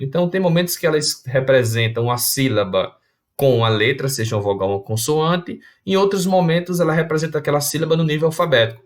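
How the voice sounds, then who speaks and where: Male teacher, mid-range voice, patient explanatory lesson delivery with small restarts. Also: mid-range voice. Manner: explanatory, many restarts and fillers. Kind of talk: video lesson.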